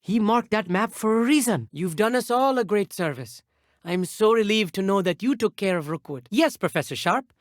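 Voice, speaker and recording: This is scripted video game dialogue, recorded cleanly in a studio with no room sound. A male actor with a high-sitting voice voices an earnest, bookish teenage schoolboy wizard who is polite and slightly nervous. His speech is animated, at normal speed, and precise with a somewhat formal edge.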